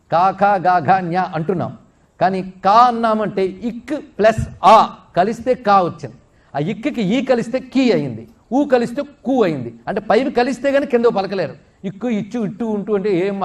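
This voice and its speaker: A middle-aged man giving a religious discourse, explaining through questions he answers himself and slowly chanting Sanskrit verses. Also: high voice. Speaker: spiritual discourse speaker.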